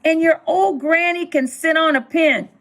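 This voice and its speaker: A woman voicing a grumpy male pig who rudely shouts from inside his house. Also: high voice, lively intonation, moderate pace, slight background noise. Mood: curt. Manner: curt, dismissive shouting.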